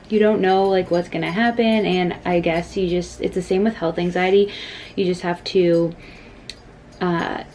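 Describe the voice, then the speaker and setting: A woman's voice: fairly low pitch, darkish tone, a little hiss or hum, rough recording. A young woman, early in pregnancy, chatting casually to camera as a vlogger, full of "like" and "freaking".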